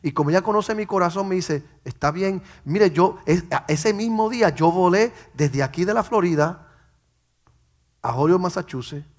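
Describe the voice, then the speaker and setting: Middle-aged pastor telling an emotional testimony. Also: male voice, high voice, animated, normal speed. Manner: emotional, repeats words while telling a story. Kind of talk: personal testimony.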